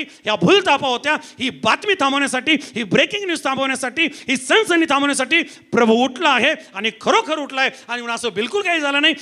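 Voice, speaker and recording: High-voiced, sharp-toned preaching pastor. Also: male voice. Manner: emphatic, rhetorical questions to the congregation. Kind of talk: preaching a sermon with call-and-response. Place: church before a congregation.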